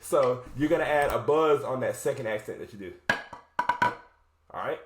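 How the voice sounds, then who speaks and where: Loud music sits behind this drumline instructor's mid-range voice as he explains drum rudiments step by step at a moderate pace. Casual and thinking aloud, he corrects himself while demonstrating on a drum. The room is echoey, with drum playing in the background.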